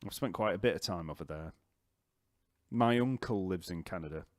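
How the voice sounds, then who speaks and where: Yorkshire guy rambling through a live q&a, lowish voice, dry close sound, laughs a lot. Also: normal speed, dry recording. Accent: Yorkshire English. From Yorkshire, England. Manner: chatty and rambling, laughs easily. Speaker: bass teacher and channel host. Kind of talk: casual live-stream Q&A chat. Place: home, near an island festival site.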